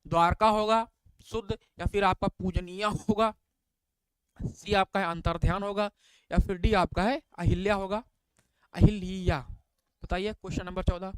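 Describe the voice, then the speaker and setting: A man's voice: sits high, fairly even intonation, moderate pace, long pauses, clear, resonant tone, dry recording. A man teaching an online exam-prep class, reading out spelling questions and options, often asking "what is it?" and praising viewers by name. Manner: repetitive questioning, addresses viewers as bhaiya.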